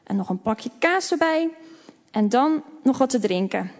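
A woman reading a children's story aloud in a gentle, expressive way. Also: fairly high pitch, measured pace. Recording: long reverb.

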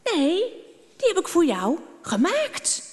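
An eager little girl with a high, lively voice, as a woman reads her lines aloud. She speaks slowly, as in a storybook read to children, and the voice rings out with a long hall reverb. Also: full character voice. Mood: cheerful. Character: cheerful little girl, a twin.

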